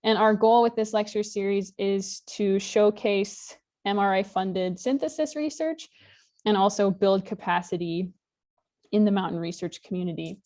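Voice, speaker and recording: A woman's voice: medium pitch, fairly even intonation, normal speed, darkish tone. A woman in her thirties from Alaska giving an informal online lecture on a video call, talking in a friendly, conversational way with occasional fillers. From Alaska, United States. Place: home room with virtual background. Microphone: laptop webcam mic on a video call.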